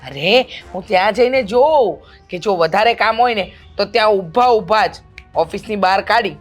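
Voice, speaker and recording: A woman playing a pushy middle-aged mother-in-law who wants a grandson, talking loudly and insistently in a family drama. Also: medium pitch, moderate pace, faint music behind, natural voice. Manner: loud, insistent, scolding. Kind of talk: amateur family drama acting.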